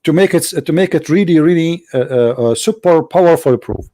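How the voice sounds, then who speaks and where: A man's voice: on the high side, brisk, dark tone. A man hosting a live call-in debate show, arguing insistently and repeating his points to press a caller. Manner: argumentative, insistent, repeats phrases.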